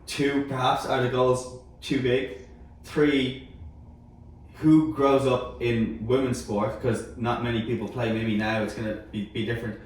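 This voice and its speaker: During a panel discussion, a man on a sports media team gives his opinions casually but emphatically, point by point. His medium-pitched voice is a little slow with little pitch movement. The recording is very roomy and echoey, from a distant mic with faint noise.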